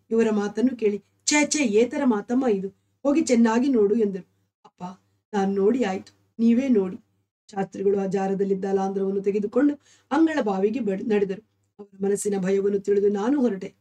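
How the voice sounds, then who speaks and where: A woman narrates a short story at a steady, middle pitch in a mellow, warm voice. She reads it aloud as a storyteller would. For the frightened mother, her voice rises and trembles.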